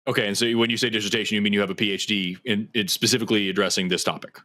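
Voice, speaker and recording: A man's voice: fairly low pitch, fairly even intonation, very fast, sharp tone. Male talk show host pressing a caller. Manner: probing, presses for clear answers. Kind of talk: call-in debate.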